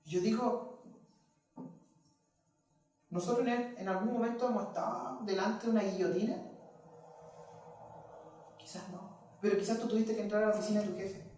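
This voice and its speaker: A man's voice: high-pitched, fairly even intonation, normal speed, pauses often, a little mellow. A man, preaching a sermon with emphatic rhetorical questions and repeated phrases. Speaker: preacher leading a Bible study. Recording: echoey hall, mic at a distance.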